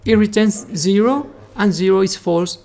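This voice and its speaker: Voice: medium pitch, normal speed, creaky, darkish tone. A native Spanish speaker from the Caribbean teaching a live coding class with a Caribbean Spanish accent, explaining step by step and often saying "remember" and "okay". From Latin America, Caribbean. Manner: repeats 'remember' and 'okay', explains step by step, coaxes students. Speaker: programming instructor.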